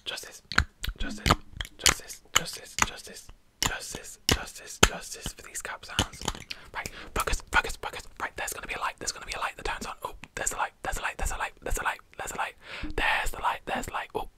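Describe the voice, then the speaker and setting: Young man whispering fast, aggressive ASMR. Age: young adult. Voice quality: whispered, mostly unvoiced. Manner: rapid-fire repetition of short phrases. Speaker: ASMR video creator. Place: small bedroom, indoors. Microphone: desk microphone close to the mouth.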